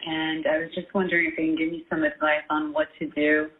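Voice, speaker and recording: A woman caller's phone voicemail plays on air, thin and tinny with an echoey ring. Her voice sits a little low, and she goes at her message haltingly, pausing with uh and um. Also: very animated, gravelly. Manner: hesitant, with uh and um. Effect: voicemail played over a phone line. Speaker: radio show caller leaving a voicemail.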